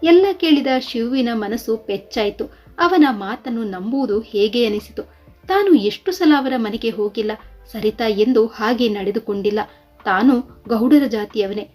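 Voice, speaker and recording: A woman narrating a story in a steady storytelling manner. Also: a little high, a little slow, soft background music. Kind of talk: scripted narration.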